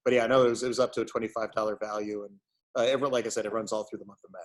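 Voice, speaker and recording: A man's voice: fairly low pitch, flat delivery, rapid-fire. A man giving a casual interview as a brewery owner, talking in a loose, rambling, conversational way. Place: at his brewery.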